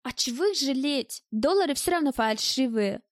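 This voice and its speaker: A woman reading an audiobook and voicing a sharp-tongued, sardonic woman who speaks with biting scorn. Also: high-pitched, lively intonation, normal speed, no room sound, studio quality, pitched above the performer's own voice. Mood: scornful.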